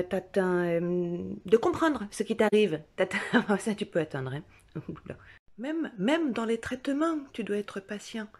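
A woman with a Lyon accent performing a stand-up comedy monologue, talking straight to the listener in slangy speech with whispered asides. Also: mid-range voice. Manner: colloquial, addresses listener directly, animated with whispered asides.

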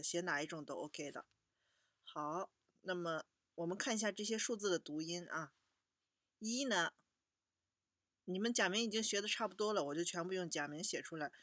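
A woman teaching a children's language lesson, patiently repeating each word slowly for young learners. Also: on the low side, fairly bright tone, no echo, studio quality.

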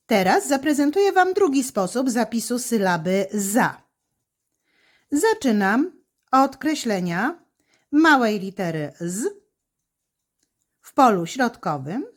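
A woman teacher explaining handwriting step by step, slowly and patiently, to children. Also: a little high, big pitch swings.

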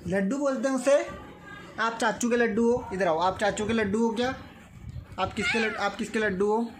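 There's a high-pitched male voice at a moderate pace here. The young man is making a casual home vlog indoors with his family, talking playfully and coaxingly to a small child, and the audio is noisy.

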